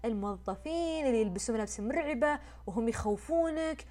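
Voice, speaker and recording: A woman, telling a story in a casual, expressive, chatty way. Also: on the high side, fast. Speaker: vlogger.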